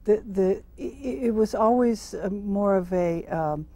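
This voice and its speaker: A middle-aged woman journalist on a studio panel, recounting her reporting experiences thoughtfully, with frequent pauses and fillers. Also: mid-range voice, warm tone, no echo. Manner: thoughtful, hesitant with many fillers. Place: TV studio with audience.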